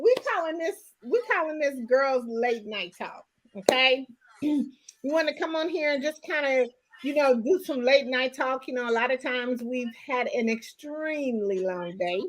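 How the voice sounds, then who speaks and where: An American woman hosting a casual live chat, folksy and animated, often repeating herself for emphasis. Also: sits high, poor audio. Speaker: host of a late-night live girlfriend chat show.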